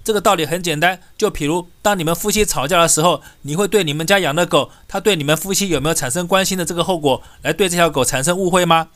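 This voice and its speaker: Man, political commentary rant, high-pitched, rapid, contemptuous rhetorical questions. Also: fairly bright tone. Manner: scornful, insulting, rapid-fire rhetorical questions.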